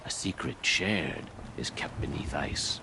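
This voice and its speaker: A very deep, gravelly mystic. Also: male voice, lively intonation, background noise, exaggerated voice. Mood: cryptic, secretive. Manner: cryptic, halting, portentous. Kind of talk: video game character dialogue.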